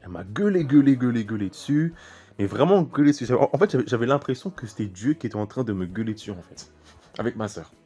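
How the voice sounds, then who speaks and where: A man's voice: mid-range voice, animated, fast talker, mellow, husky, faint music behind. A young man giving informal spiritual teaching and testimony, rambling, repeating words and restarting phrases as he talks straight to the listener. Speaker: preacher styling himself a prophet.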